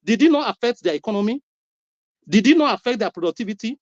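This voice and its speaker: A high-sitting male voice with a Nigerian accent moves at a quick pace with lively intonation. He argues on a call-in broadcast in heated debate style, pressing every point through repetition and rhetorical questions. The recording is lo-fi online call audio.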